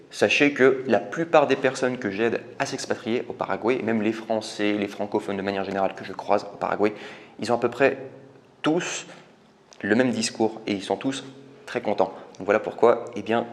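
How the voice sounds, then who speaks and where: A man with a somewhat low voice hosts a casual video introduction. He talks informally and directly to his viewers. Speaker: YouTuber host introducing an interview.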